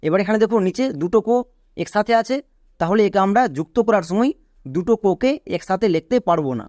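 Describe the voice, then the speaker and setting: Man, high voice, patient step-by-step teacher, spells words letter by letter, dry close sound. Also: expressive, fast, a little mellow, no echo. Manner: patient, step-by-step explaining with repeated rules. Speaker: English teacher. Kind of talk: online phonics lesson.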